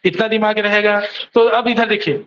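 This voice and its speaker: A man's voice: sits high, steady tone, moderate pace, a bit bright, a little hiss or hum. A man teaching an exam coaching class, drilling students with memory tricks and constantly asking if they follow. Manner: repeats questions to students, keeps asking "theek hai?". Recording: echoey room, dull lo-fi sound.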